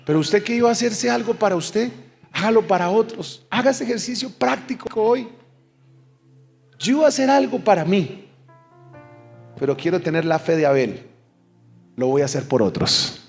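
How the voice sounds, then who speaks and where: Emphatic pastor preaching. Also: male voice, high voice, moderate pace, gravelly, pauses often, soft background music. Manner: emphatic, animated preaching with call-and-response. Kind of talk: sermon. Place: church service.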